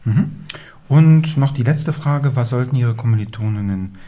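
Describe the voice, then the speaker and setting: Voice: medium pitch, moderate pace, warm tone. An interviewer asking polite, formal questions in a short university interview.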